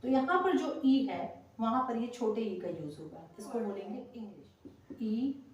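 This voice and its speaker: A woman teaching pronunciation in a slow, patient way, spelling each word out letter by letter and saying it again. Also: a little high, expressive, darkish tone, recorded from a distance, muffled recording. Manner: patient, spells words letter by letter and repeats them. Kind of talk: slow spoken lesson. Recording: very echoey room, voice from off the mic.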